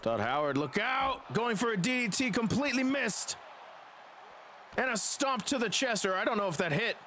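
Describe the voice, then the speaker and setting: A man calls pro wrestling play-by-play like a ringside commentator. His high-pitched voice is dramatic and excited, built for big announcements. Light background noise sits behind him. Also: moderate pace.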